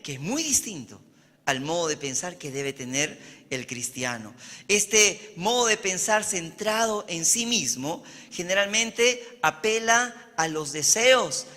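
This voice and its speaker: A high, bright-voiced man from Peru preaches a sermon, his pitch rising and falling widely. He speaks slowly and keeps drawing in his congregation with amens and questions. A long reverb from the church hall trails behind him. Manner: preaching with frequent "amén" and "¿verdad?" to the congregation. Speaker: pastor.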